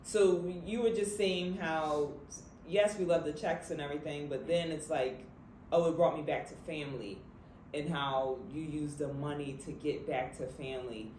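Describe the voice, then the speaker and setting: A relaxed man co-hosting a book club, thinking out loud in casual chat. His voice sits fairly high. The room is echoey with faint noise behind him. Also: moderate pace. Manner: relaxed and thoughtful, with light laughs.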